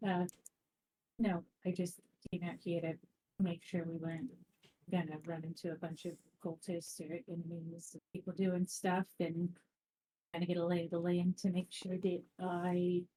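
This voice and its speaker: A woman's voice: lowish voice, level tone, normal speed, warm tone, poor audio. A woman talking casually as a player in a tabletop role-playing game. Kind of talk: casual chat. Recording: clear background noise, clicks.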